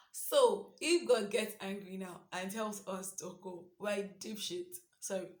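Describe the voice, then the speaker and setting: A young woman talks through a devotional reading in a relaxed, earnest way, as if thinking aloud to a friend. Her voice sits at an ordinary middle pitch, and the room gives it a noticeable echo. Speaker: devotional speaker. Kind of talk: casual devotional reflection. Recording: roomy echo.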